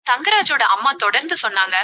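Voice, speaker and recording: A woman's voice: a little high, big pitch swings, quick pace, bright, forceful tone. A woman narrating a family drama story, reading every character's lines herself.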